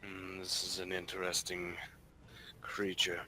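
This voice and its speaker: A man's voice: deep voice, completely flat delivery, measured pace, sharp tone, a little hiss or hum, low-quality recording. A man playing a tabletop game, chatting casually and hesitantly as he works out his turn.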